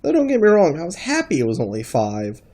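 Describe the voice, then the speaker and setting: A man's voice: fairly high pitch, wildly swooping pitch, fast, warm tone. Stuffy-nosed man rambling casually. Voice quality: stuffy nose, congested. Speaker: gaming video creator. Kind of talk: casual rambling vlog talk about gaming.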